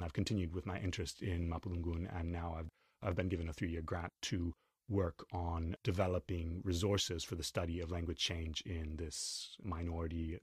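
A man from Chile talks through his research in an interview, thoughtful and academic. His voice sits very low. The recording is dry and close, with no room sound. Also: husky, no room sound. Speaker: linguist, interviewee. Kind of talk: explanatory interview answers.

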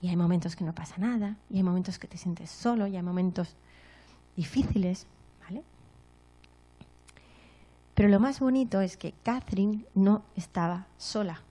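A woman's voice: mid-range voice, moderate pace, pauses often. Spanish woman giving a motivational talk. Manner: storytelling, frequent tag questions, lively acted-out moments.

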